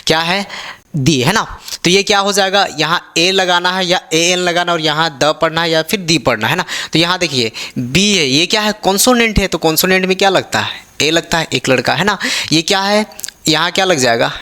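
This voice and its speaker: A man's voice: on the high side, normal speed, bright, forceful tone. A male teacher explaining a grammar lesson, asking the class rhetorical questions as he goes. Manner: drills students with repeated rhetorical questions. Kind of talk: classroom-style lesson in Hindi.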